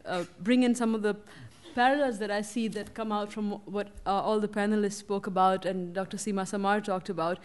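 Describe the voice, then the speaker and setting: A woman's voice: mid-range voice, steady tone, fairly quick, few pauses. A woman moderating a university panel discussion, speaking with many hesitations and fillers as she opens the floor to questions. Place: university lecture hall.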